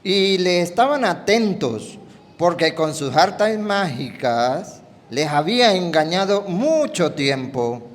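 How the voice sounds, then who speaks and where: Male scripture reader, high and animated, slow deliberate delivery, hall reverb.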